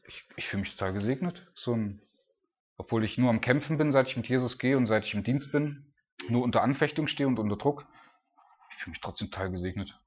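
A man's voice: medium pitch, brisk, highs cut off. A man preaching in a loose, chatty way, full of filler words. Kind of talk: casual preaching.

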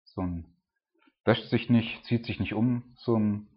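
Low-voiced man casually retelling scripture. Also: steady tone, a little slow, slightly rough, dull audio. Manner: conversational, tags statements with "ne?", often drops his voice quiet. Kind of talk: casual retelling of a Bible story.

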